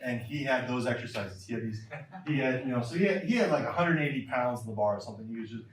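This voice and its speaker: A man's voice: medium pitch, quick pace, far from the mic, a little hiss or hum. A man coaching throwers in a clinic lecture, emphatic and repeating key points, in a lecture hall. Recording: roomy lecture hall from afar.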